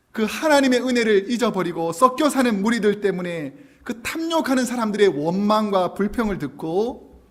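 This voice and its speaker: A man preaching a sermon, telling stories with animation and acting out what people said. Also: high-pitched. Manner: animated storytelling, acting out quoted lines. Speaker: pastor.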